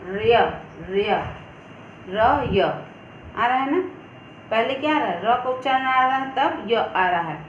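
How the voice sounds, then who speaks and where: A woman's voice: on the high side, lo-fi sound, a little hiss or hum. A woman teaching Hindi to schoolchildren, patiently sounding out syllables one at a time and checking that they follow. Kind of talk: online classroom lesson for children. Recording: echoey room with faint background ambience.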